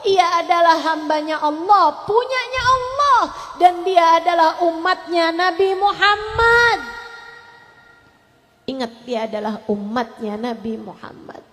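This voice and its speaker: High-voiced woman preaching in a reverberant hall. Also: measured pace. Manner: emotive, swings from loud pleading to soft tender tones. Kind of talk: religious sermon.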